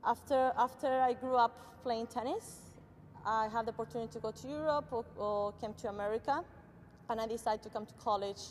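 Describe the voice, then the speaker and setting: A woman's voice: fairly high pitch, fairly even intonation, fairly quick. A young woman from Argentina who speaks with an Argentine Spanish accent, answering interview questions as a tennis coach in simple phrasing with small grammar slips. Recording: long reverb, faint noise.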